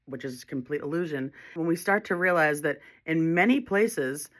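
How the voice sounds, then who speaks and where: A woman's voice: low voice, lively intonation, moderate pace. A woman speaking as a holistic life coach in a reflective self-help monologue, earnest and encouraging, often restarting her phrases.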